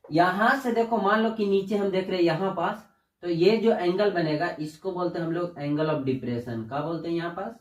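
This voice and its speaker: A man's voice: sits high, normal speed. A male teacher giving a classroom lesson, calling the students "child" and asking questions he then answers himself. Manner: addresses students as "बच्चा", asks and answers own questions. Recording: echoey room, distant mic.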